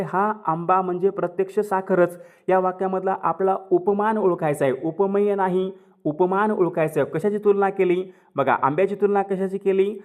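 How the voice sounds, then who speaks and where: A man's voice: high voice, darkish tone. A man teaching, going through exam questions and answering each one himself. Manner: asks questions then answers them, repeats key words.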